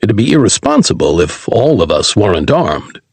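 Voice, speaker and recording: Male narrator voicing a young male fighter, calm wry tone, lively pitch. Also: moderate pace, vocal fry, slightly rough, no room sound, full character voice.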